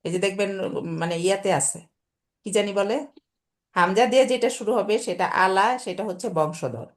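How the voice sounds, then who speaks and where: A woman's voice: mid-range voice, a little fast. A woman teaching a Quran reading class over a video call, explaining patiently and often checking with students whether they follow. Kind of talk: online class lesson.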